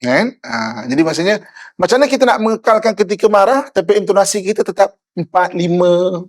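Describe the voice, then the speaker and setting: A middle-aged Malaysian preacher with a bright, high-pitched voice gives an animated sermon. He speaks with a Malaysian Malay accent and keeps checking in with his listeners. He often slips into acted examples of different tones. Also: a little fast. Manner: animated, often asks "kan?", acts out tones of voice. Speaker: Islamic preacher.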